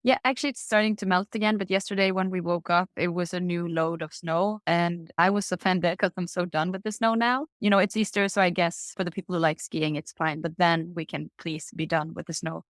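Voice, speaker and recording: A woman's voice: lowish voice, fairly even intonation, fairly quick, few pauses, no echo, clean studio sound. A middle-aged woman from Norway with a Norwegian accent, answering interview questions in a candid, upbeat way over a remote call. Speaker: guest.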